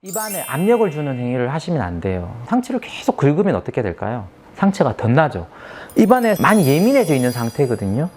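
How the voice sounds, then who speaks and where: A man's voice: mid-range voice, a little mellow. A man speaking as a dentist, explaining patient aftercare in an emphatic way and asking rhetorical questions.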